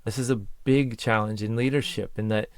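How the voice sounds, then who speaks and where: A man's voice: lowish voice, steady tone, fairly quick, clear, resonant tone, no room sound. A man talking as a voice coach, giving an earnest and encouraging spoken lesson in short listed phrases.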